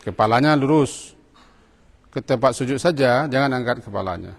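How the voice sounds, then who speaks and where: In a mosque prayer hall with a long reverb, a male religious teacher gives students a hands-on prayer lesson. His mid-range voice is animated and moderately paced as he issues short commands and coaxes them along.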